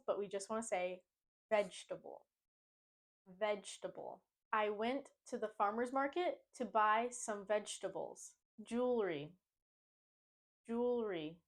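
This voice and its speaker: A young woman from Maine speaks with a New England accent. She teaches a pronunciation lesson in a clear, careful way, slowing down to repeat each word. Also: on the high side. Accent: New England American. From Maine, United States. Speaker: English teacher.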